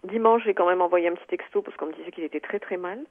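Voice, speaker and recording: A woman's voice: on the low side, quick pace. A woman calling in to tell a personal story, talking hesitantly with many fillers and restarts. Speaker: caller. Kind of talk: phone-in personal account. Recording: tinny phone line.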